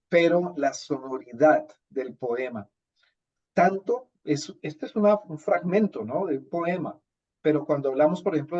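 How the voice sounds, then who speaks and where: Higher-voiced man teaching, lo-fi sound. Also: a little mellow. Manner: explanatory, illustrates with examples and anecdotes. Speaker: Spanish teacher. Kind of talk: teaching presentation.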